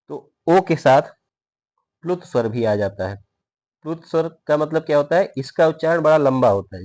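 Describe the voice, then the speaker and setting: A man's voice: medium pitch, darkish tone. A man teaching grammar in a recorded video lesson, explaining step by step, posing questions and answering them himself, and drawing out example words to show how they are pronounced.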